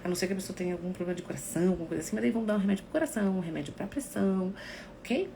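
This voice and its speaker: A woman psychologist talks straight to her live-stream viewers, acting out the remarks people make. Her voice carries a gravelly creak, and faint noise hums behind her. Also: medium pitch, rapid-fire. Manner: expressive, acts out quoted remarks.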